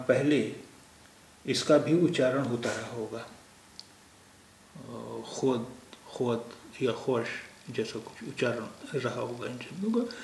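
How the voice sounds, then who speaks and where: A man from India teaching a language lesson, explaining patiently and pausing often to think aloud. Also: medium pitch, creaky, a little mellow. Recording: roomy echo, faint background noise.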